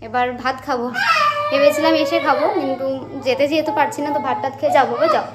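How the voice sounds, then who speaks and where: Speaking fast over heavy background noise, a young woman chats directly with her viewers in a vlog about home and a festival. Her tone is casual and talkative, and she drops almost to a whisper while the baby sleeps.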